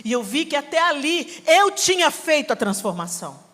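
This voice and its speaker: A middle-aged Brazilian woman preaching a sermon, telling a family story with animated acting and bursts of shouting. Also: sits high, normal speed. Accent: Brazilian Portuguese. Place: church hall. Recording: reverberant hall, live sermon.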